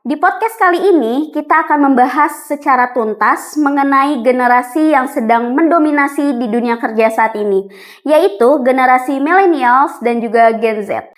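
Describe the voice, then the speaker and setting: A woman's voice: sits high, moderate pace. A young woman hosting a casual podcast chat, chatty with many fillers. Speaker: podcast host.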